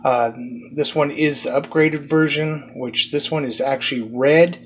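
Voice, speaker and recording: A man's voice: a little high, fairly even intonation, a little slow. A man giving a casual, rambling product review of a small drone, talking through the parts with many fillers and restarts.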